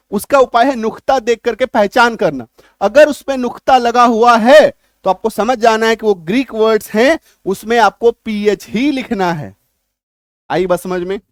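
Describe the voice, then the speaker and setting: A man's voice: high-pitched, dry recording, clean studio sound. A man teaching an English spelling lesson, explaining with everyday examples and checking often that his students follow.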